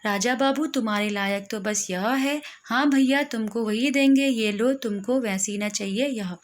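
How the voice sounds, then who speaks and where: A woman voicing a kindly middle-aged male flute seller who coaxes children warmly. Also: a little high, measured pace, lightly acted. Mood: coaxing. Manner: warm, coaxing, playful.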